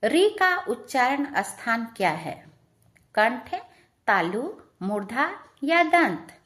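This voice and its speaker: A woman with a high, sing-song, slow and slightly bright voice teaches a grammar lesson to a class. She is patient, repeats every question and answer, and checks in with her students often.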